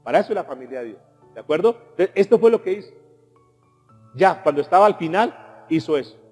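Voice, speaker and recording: A man preaching a sermon as pastor, swinging from raised exhortation to hushed, intimate asides aimed straight at the congregation. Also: a little high, expressive, fairly quick, breathy edge. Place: church hall. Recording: long hall reverb with soft music behind.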